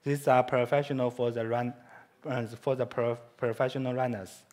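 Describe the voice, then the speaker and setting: Presenting at a conference, a Chinese-accented man who grew up speaking Chinese restarts and corrects himself constantly in his hesitant English. His mid-range voice is delivered flatly, with a slightly mellow tone.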